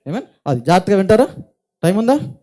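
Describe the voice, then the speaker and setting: A middle-aged man from India, preaching a church sermon in an earnest, deliberate way that builds in intensity. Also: sits high, sing-song, warm tone. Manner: earnest, speaks slowly and deliberately, rising in intensity. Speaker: pastor. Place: church hall.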